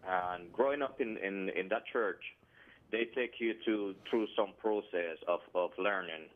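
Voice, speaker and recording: A Colombian man with a Colombian Spanish accent calls in to a phone conversation, speaking hesitantly with lots of fillers and restarts. His voice is low-pitched and a little slow, coming through a tinny phone line.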